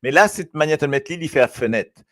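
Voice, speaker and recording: Lively man hosting. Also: on the high side, fast. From Mauritius. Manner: lively, switching between French and Creole, reading comments aloud. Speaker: host. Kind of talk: live stream reading viewer comments.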